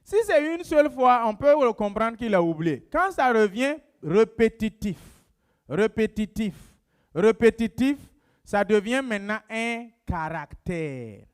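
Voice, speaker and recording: A man delivers a church sermon in a notably high, very lively voice. He hammers his points by repeating key phrases and drops into a lower voice to mimic his congregation. The delivery is emphatic and conversational, speaking straight to the people in the pews. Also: a little slow, clear, resonant tone. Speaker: pastor.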